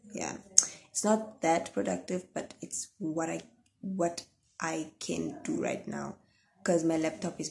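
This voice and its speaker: A tired young woman from Namibia chatting to camera at the end of her vlog. Her voice is low-pitched and gravelly, with a mellow, dark tone. She rambles softly, with plenty of ums and yeahs. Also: slight background noise. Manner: soft, rambling sign-off with many fillers. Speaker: vlogger. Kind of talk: casual chat to camera.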